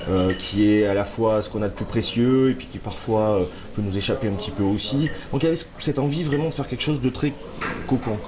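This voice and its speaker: The background is noisy as this French author, a guest in a relaxed interview, answers questions. He talks fast in a fairly low voice, thoughtful and hesitant with many fillers. A cold leaves him slightly congested.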